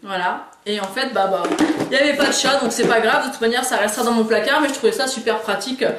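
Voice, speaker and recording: Casting note: upbeat woman, somewhat high voice, home haul vlog in a room with echo. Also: fast talker, noisy background. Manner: chatty, enthusiastic, frequent hesitations. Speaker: beauty and lifestyle YouTuber. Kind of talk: casual haul video chat.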